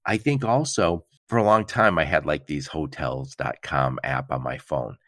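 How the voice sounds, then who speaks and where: A man's voice: rumbling low, normal speed, fairly bright tone, dry recording, studio quality. A man hosting a podcast interview, chatty, laughing often and acting out quotes in casual talk. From Michigan. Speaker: podcast host.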